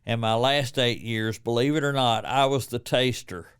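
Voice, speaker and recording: Older texas guy, cowboy twang, clear resonant voice, casual storytelling. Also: mid-range voice, normal speed, a bit bright. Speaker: interview guest, cowboy poet.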